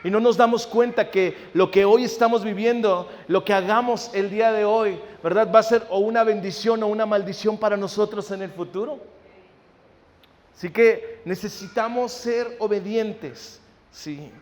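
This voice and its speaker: In his sermon, a pastor keeps checking in with the congregation and acts out family exchanges in anecdotes. His voice sits high with a darkish tone and normal speed, echoing with long hall reverb.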